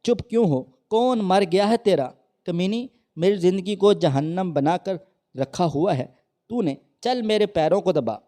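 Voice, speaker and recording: A man's voice: high voice, normal speed, few pauses, warm tone, pitched above the performer's own voice, lightly acted. A man voicing a cruel, abusive husband who snarls harsh insults in a read-aloud story.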